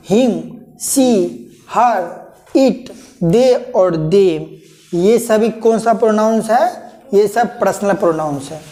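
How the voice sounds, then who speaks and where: A woman teaching an English grammar lesson, repeating terms slowly and often checking that students understand. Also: medium pitch, dark tone. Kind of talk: classroom lesson explaining pronouns.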